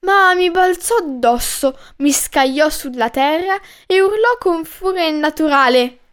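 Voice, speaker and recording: A woman reading aloud as a medieval male monk who tells his story slowly, in old-fashioned words. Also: high voice, expressive. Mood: aggrieved. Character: flustered medieval male monk writing a chronicle.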